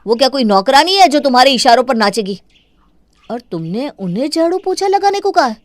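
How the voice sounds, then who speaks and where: A woman voicing an angry young man who scolds and shouts at his wife for his mother's sake in a cartoon. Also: sits high, very animated, a little fast, dry recording, pitched above the performer's own voice. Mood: scolding.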